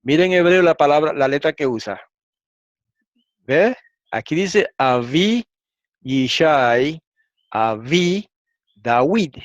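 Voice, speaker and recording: Man, teacher, lecturing, slow careful reading, rhetorical questions, dry lo-fi sound. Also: fairly high pitch, lively intonation, no room sound. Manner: reads slowly through transliterations, asks frequent rhetorical questions. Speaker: Bible teacher. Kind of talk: lecture explaining Hebrew and Greek texts. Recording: dull, slightly lo-fi and dry.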